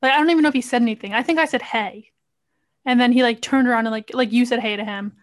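A woman's voice: on the high side, fairly even intonation, rapid-fire. Sarcastic young woman, dry delivery. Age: young adult. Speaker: guest. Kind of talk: casual chat.

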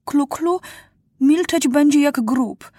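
A woman's voice: sits high, slow, mellow, no echo, studio quality, voice pushed up. A woman voicing a solemn, loyal young girl who speaks of herself in the third person, in a storybook reading. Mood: solemn devotion.

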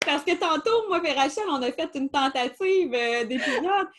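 Animated high-voiced Québécois woman host. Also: moderate pace. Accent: Québécois French. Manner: animated, laughs easily, enthusiastic. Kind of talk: casual podcast chat. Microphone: studio microphone.

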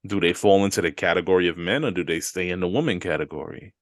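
A man's voice: deep voice, quick pace, no room sound, studio quality. A man co-hosting a podcast, talking in a laid-back slangy way and reading listener comments aloud. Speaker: podcast co-host. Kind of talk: casual chat.

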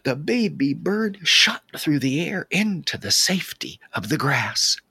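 A man telling an animal tale aloud, expressive and slipping into whispers for suspense. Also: a little high, a little slow, no room sound. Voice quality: husky. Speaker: storyteller. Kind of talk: animated oral storytelling.

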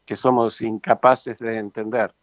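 A man's voice: lowish voice, level tone, unhurried, dry recording. A man who explains his points earnestly in a casual discussion, with many fillers and rhetorical tags. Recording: dull lo-fi sound.

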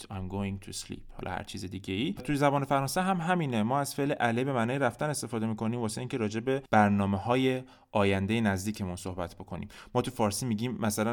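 Low-voiced man teaching a language podcast. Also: clean tone. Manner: explains patiently, slows down to spell out French examples. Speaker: French teacher. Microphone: podcast microphone.

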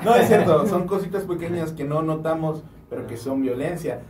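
A man with a Mexican accent, co-hosting a casual podcast chat in slangy, halting, laughing speech. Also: a little high, lively intonation, a little mellow, a little hiss or hum. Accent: Mexican Spanish. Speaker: podcast co-host. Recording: echoey room, mic at a distance.

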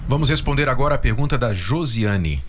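A man's voice: mid-range voice, animated, over loud music. Guy hosting radio advice, earnest, direct, voice goes up and down a lot. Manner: earnest, direct, repeats key details slowly. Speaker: radio advice show host.

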